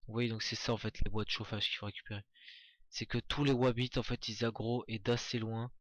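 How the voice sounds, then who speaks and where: A man's voice: fairly low pitch, flat delivery, a little fast, a bit bright, dry recording. A man giving casual, chatty commentary on a game walkthrough, hesitant, with many fillers and restarts. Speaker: gameplay commentator.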